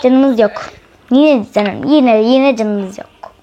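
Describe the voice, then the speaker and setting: A woman doing let's play commentary as host of a gaming channel, chatty and excitable, talking straight to her viewers and often shrieking. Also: fairly high pitch, slow, lo-fi sound, slight background noise. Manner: excitable, often shrieks and laughs while playing; chatty, keeps addressing viewers directly.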